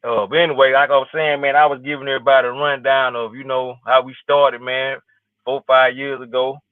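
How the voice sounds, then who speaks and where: Rambling podcast host on a tinny line. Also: male voice, medium pitch, level tone, a little fast, no echo. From South Carolina. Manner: loose, rambling, repeats "man" a lot. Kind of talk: casual podcast chat. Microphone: phone.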